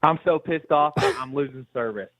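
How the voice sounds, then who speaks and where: A man's voice: medium pitch, moderate pace, a crowd in the background. A man from Bloomington calling in to a sports radio show, blunt and exasperated, his cell signal cutting out and breaking his words apart. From Bloomington, Indiana. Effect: cell phone line breaking up, cutting out mid-word. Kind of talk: call-in sports talk. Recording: tinny breaking-up cell phone line.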